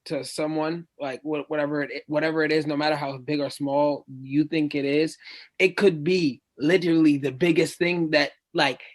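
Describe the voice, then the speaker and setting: A man's voice: a little high, fairly even intonation, normal speed. A young man on a discussion panel, talking casually and filling his speech with "like" over and over. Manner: casual, fills with "like" constantly.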